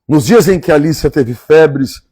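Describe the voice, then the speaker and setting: A man from Minas Gerais with a Mineiro Brazilian accent, reading a novel aloud on a live stream and pausing for chatty asides. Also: on the high side, mellow, breathy edge, dry recording, clean studio sound. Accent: Mineiro Brazilian Portuguese. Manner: measured, repeats favorite lines and chats between passages.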